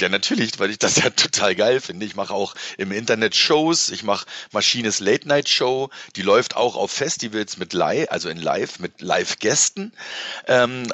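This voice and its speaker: With a lowish voice that sounds pushed and bright, a middle-aged man chats eagerly as an interview guest, rambling colloquially. He works as an event presenter and moderator, and the audio is slightly dull with no echo.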